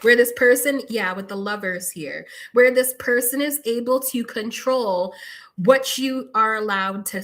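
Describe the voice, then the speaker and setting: Fairly high-voiced woman reading tarot live. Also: fairly bright tone. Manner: speaks straight to the viewer, many "like" fillers; firm, warning advice. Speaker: tarot reader.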